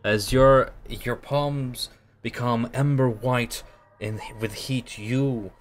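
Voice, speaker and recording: A man narrating a tabletop role-playing game as game master, setting scenes in a halting, descriptive way. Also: mid-range voice, fairly even intonation, slight background noise.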